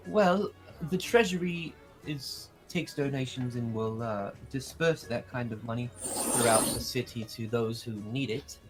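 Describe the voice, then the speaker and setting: A man's voice: medium pitch, lightly acted. A man voicing a polite, modest elven guard captain who stumbles over his words. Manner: flustered, stumbling, courteous.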